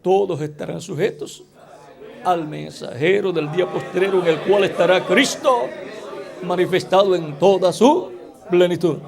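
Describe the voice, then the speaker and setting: Slow, gravelly-voiced male preacher. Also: sits high, a crowd in the background. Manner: slow, deliberate preaching with rhetorical questions to the congregation. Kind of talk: sermon.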